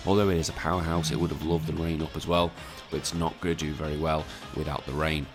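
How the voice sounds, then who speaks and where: A young British man with a very low voice commentates on a game in a casual way. He keeps it quiet and subdued, as if recording late at night, with music clearly playing behind him. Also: flat delivery, quick pace. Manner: subdued, hushed voice kept down at night. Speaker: gaming content creator. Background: clear background music.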